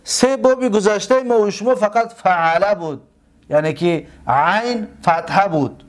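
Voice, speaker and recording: Man, high voice, teacher, drawn-out repeated word forms, patient grammar lesson.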